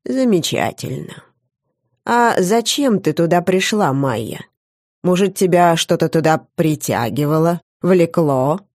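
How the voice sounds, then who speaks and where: A woman voicing a sly, scheming middle-aged male academy director in an audiobook, speaking in a smug, drawn-out, biting way. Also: fairly low pitch, animated, a little mellow, dry recording, clean studio sound. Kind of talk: audiobook character voice.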